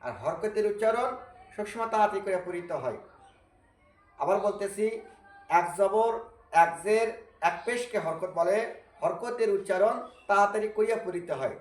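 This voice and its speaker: High-voiced man teaching Arabic letters. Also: echoey room, low-quality recording. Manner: repeats drills slowly and patiently, asks and answers own questions. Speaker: Quran teacher. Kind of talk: Arabic reading lesson.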